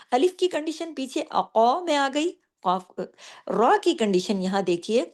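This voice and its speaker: A woman teaching tajweed, explaining the rules patiently and slowing down to recite each example, often checking in with her listeners. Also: a little high, darkish tone. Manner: checks in often with "theek hai?".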